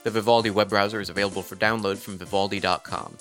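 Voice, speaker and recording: A man hosting a podcast, asking questions and reading the closing announcements in a measured, explanatory way. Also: on the low side, steady tone, music in the background. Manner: measured, explains points at length. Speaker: podcast host. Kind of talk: interview and scripted podcast outro.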